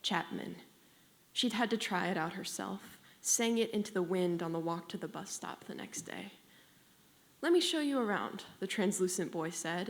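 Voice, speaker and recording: A teenage girl reading her own short story aloud, measured and unhurried in a literary way. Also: fairly low pitch, gravelly. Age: teens. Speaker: young fiction writer.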